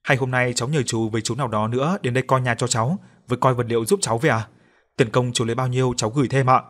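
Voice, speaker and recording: A man's voice: medium pitch, steady tone, rapid-fire, a bit bright, natural voice. A man reading a polite young husband. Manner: polite, deferential.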